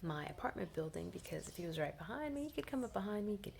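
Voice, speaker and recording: A young woman in her twenties tells a personal story in a casual vlog, her lowish voice carrying a gravelly rasp. She rambles and often sinks into a hushed whisper, and a faint hiss sits under the recording. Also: quick pace. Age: 20s. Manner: animated, rambling, frequent fillers like "you know"; drops often into a low whisper. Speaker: vlogger.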